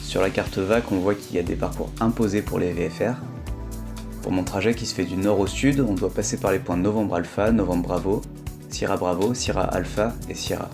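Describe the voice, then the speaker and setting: Low, creaky man narrating over music. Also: fairly even intonation, brisk. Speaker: pilot narrating his flight.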